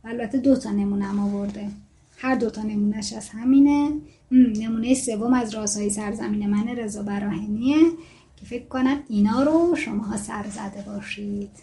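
A woman's voice: medium pitch, mellow, a little hiss or hum. A woman speaking Persian with Gilaki as her mother tongue, giving a casual lesson on a book about writing and thinking aloud with fillers and self-corrections.

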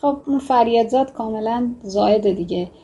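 Chatty woman with a mellow voice. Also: on the high side. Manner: chatty and digressive, with joking asides. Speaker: writing instructor. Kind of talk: casual talk on a fiction writing book.

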